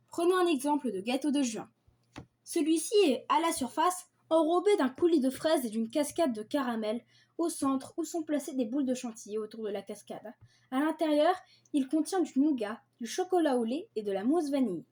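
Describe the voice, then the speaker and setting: High-voiced woman reading a list. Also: darkish tone. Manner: reads from a script, repeats set phrases, occasional stumbles. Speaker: video creator presenting invented dishes. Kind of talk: read-aloud list presentation.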